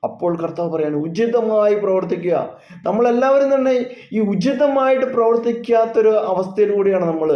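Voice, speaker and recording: A man preaching a sermon in slow, measured phrases, drawing out key words. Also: high-pitched, expressive. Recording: echoey, dull lo-fi room sound.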